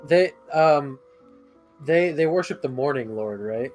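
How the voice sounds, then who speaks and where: A man's voice: on the high side, lively intonation, unhurried, darkish tone. Man, game player, casual hesitant chat with repeated words, light music underneath. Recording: music behind the voice.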